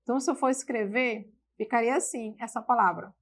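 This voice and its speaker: A woman with a Brazilian Portuguese accent giving a televised English lesson, slowly repeating example words and checking in with her students. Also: on the high side. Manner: slow, patient, repeats example words aloud; checks in with tag questions. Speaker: English teacher.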